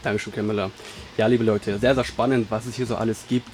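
A man's voice: fairly low pitch, little pitch movement, fast, darkish tone, soft background music. A young man from Germany hosting a radio show, presenting in an upbeat, scripted announcer manner.

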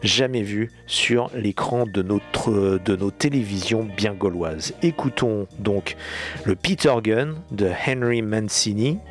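A man's voice: lowish voice, takes it slowly. A man from France hosting a music radio show, talking informally and correcting himself as he goes. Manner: chatty, informal, self-correcting.

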